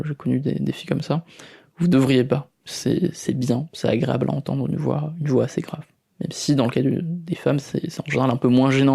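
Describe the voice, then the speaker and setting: A man's voice: mid-range voice, vocal fry, warm tone. A man with a French accent hosting a podcast, explaining voice tips casually, with fillers and restarts. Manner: explanatory, demonstrates vocal techniques, frequent fillers and restarts. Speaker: podcast host. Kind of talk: casual voice coaching talk.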